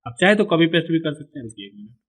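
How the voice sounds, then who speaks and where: A man from India giving a step-by-step animation software tutorial, pausing on "okay" between steps. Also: on the high side, big pitch swings. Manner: explanatory, keeps saying "okay" between steps. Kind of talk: screen-recorded software tutorial.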